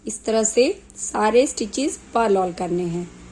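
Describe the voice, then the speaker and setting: A woman with a sore throat teaching knitting step by step, calmly counting stitches aloud one at a time. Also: medium pitch, measured pace, slightly rough, rough recording. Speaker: knitting tutor. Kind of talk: slow step-by-step craft tutorial.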